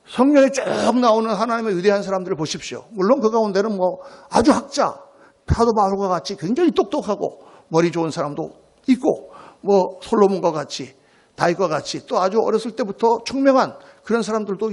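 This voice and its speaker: A middle-aged man preaching a Sunday sermon as pastor, swinging between loud exclamations and hushed near-whispers. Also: sits high.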